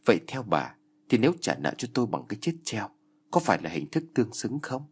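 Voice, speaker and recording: A man voicing the ghost of a murdered young woman, bitter and accusing, with a low, husky, lively voice. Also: fast talker.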